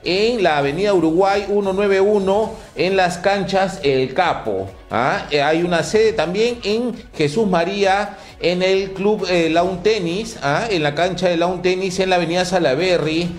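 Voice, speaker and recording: A man's voice: high-pitched, a little slow, few pauses, echoey room, faint music behind. A middle-aged man hosting a TV interview in a promotional way, often turning to speak directly to the viewers. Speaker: TV host. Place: television studio.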